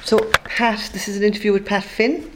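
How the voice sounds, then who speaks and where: A woman's voice: mid-range voice, fairly even intonation, a little fast. A woman asking questions as the interviewer in an oral history interview. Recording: clear background noise, clicks.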